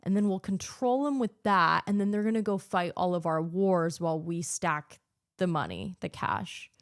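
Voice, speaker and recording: A woman's voice: lowish voice, animated, moderate pace, dry recording, studio quality. A woman putting on the voice of cynical, greedy ancient rulers in a mocking, drawling tone.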